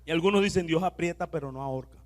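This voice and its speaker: A male pastor preaching a sermon, leading the congregation in repeating phrases and moving between soft asides and loud declarations. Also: fairly high pitch, fast. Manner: exhorting, has the congregation repeat phrases aloud. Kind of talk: sermon with call-and-response.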